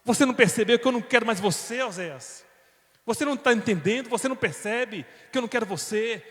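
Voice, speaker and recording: A man voicing a defiant, unfaithful young wife who shouts that she is leaving her husband. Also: normal speed, long reverb tail, lightly acted. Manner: shouting, high and cutting.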